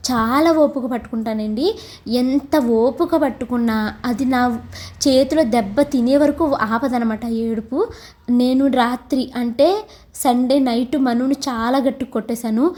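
A hoarse woman, a mother, venting in a casual vlog and asking her viewers questions. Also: sits high, dark tone. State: hoarse from shouting. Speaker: vlogger and mother. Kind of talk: casual confessional vlog chat.

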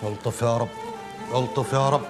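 An actor playing a soothing working-class uncle in an Egyptian TV drama, speaking Egyptian Arabic and often repeating himself. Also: male voice, mid-range voice, fairly even intonation, a little fast, over music, lightly acted.

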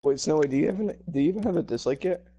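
A man chatting on a gaming stream, eager and quick to volunteer. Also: on the high side, dark tone, husky, highs cut off. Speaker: friend on stream. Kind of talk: casual gaming chat.

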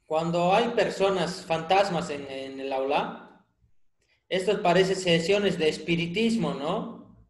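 A male finance teacher giving an online class, his voice sitting fairly high. He asks students questions and teases them with dry humor. The sound has a roomy, echoing quality. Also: slow. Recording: roomy echo.

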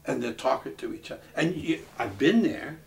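A man, from Brooklyn, speaking earnestly in a documentary interview, halting with many restarts. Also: on the high side, lively intonation, vocal fry. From Brooklyn, New York. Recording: voice from a distance off the mic.

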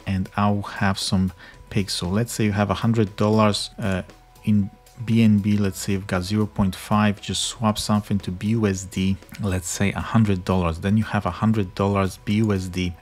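A man walking viewers through a crypto app in a screen-recorded tutorial, explaining step by step with frequent fillers. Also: low-pitched.

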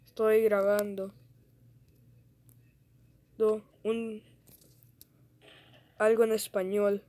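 A woman giving casual, excitable gameplay commentary, shrieking and laughing at in-game deaths and dropping English exclamations into her talk. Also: mid-range voice, drawn-out words, dry recording. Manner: code-switches with English exclamations. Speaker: gaming video creator.

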